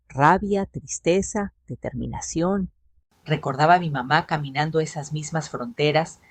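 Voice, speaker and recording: Breathy woman telling a dramatic story. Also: sits low, no room sound. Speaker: narrator. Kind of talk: dramatic first-person story narration.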